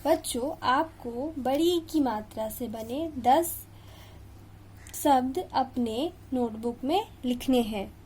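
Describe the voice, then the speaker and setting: A woman's voice: high voice, takes it slowly, a little mellow, a little hiss or hum. A young woman teaching a kindergarten Hindi lesson, stretching out and stressing each syllable for small children. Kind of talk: slow classroom video lesson.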